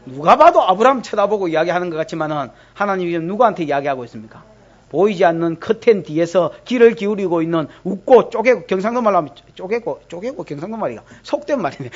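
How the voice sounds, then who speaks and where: Woman pastor, Gyeongsang accent, expressive sermon delivery, slightly muffled recording. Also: lowish voice, quick pace, husky. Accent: Gyeongsang Korean. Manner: lively, teasing, asks the congregation questions. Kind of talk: expository sermon. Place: church service.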